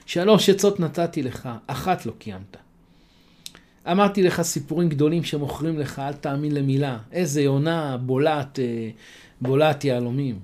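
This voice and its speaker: A man's voice: a little high, darkish tone, lightly acted. Man doing a sly, taunting dove. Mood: scornful. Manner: taunting, scornful. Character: mocking, sly female dove.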